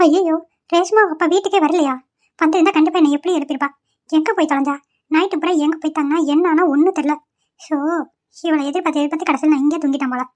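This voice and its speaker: A domineering cartoon mother-in-law, voiced by a woman, cold and harsh, firing off quick scolding lines. The voice sits high and moves fast. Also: lightly acted. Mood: flustered. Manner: sharp, scolding.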